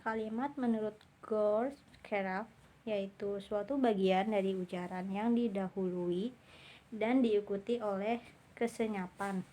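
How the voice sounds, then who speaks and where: A woman's voice: mid-range voice, steady tone, mellow. Young woman reading a class presentation. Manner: careful, measured reading with occasional fillers. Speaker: student presenter.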